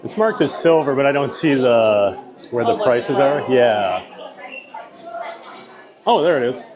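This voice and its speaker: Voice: medium pitch, very animated, a little slow, a crowd in the background. A livestream vlogger chatting casually, politely and upbeat while out at a theme park. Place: theme park shops and walkways. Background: loud background music.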